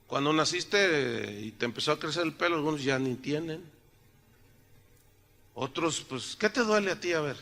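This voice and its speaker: An older pastor preaches in a high, bright voice, his throat a little sore. He keeps the sermon conversational and joking and asks his congregation one rhetorical question after another. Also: animated, normal speed. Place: church sanctuary.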